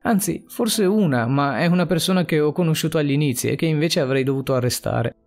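A man's voice: on the high side, quick pace, darkish tone, soft background music, lightly acted. A man reading a desperate policeman. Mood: regretful. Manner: urgent, earnest pleading. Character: adult male police officer, desperate and self-blaming.

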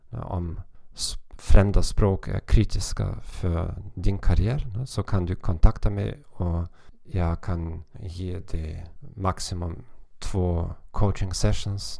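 A man hosting a language-learning podcast, talking in a halting, careful way with frequent pauses. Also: deep voice, gravelly, mellow, dry recording, studio quality. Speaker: podcast host and language teacher. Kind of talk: informal podcast monologue.

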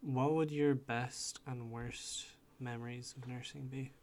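A man's voice: medium pitch, steady tone, measured pace, a little mellow. A man hosting a casual podcast, laid-back and brief with his questions. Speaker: podcast host.

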